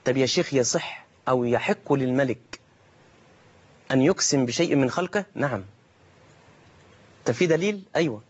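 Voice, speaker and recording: A man's voice: medium pitch, animated, moderate pace, pauses often. A man with an Egyptian accent preaching a colloquial sermon, firing off rhetorical questions and answering imagined objections from listeners. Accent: Egyptian Arabic. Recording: dull lo-fi recording.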